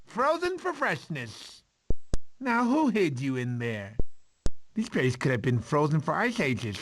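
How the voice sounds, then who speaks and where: Goofy, excitable cartoon sloth. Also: male voice, fairly high pitch, a little slow, slight background noise, heavily acted. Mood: cheerful, eager. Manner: excitable, theatrical, whiny. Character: goofy, cowardly, talkative cartoon sloth, male. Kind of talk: animated video game character voice clips.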